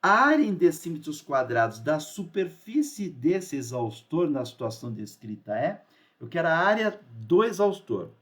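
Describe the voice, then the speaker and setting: A man's voice: on the high side, very animated, moderate pace, fairly bright tone. A man teaching a math lesson, patient and often checking that the students are following.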